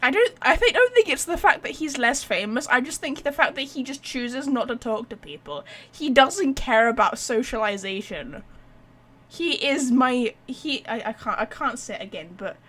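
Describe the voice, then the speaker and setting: A female game streamer offers casual commentary on her playthrough at a normal speed. Her high voice swings widely, and she's expressive, teasing, and sweary.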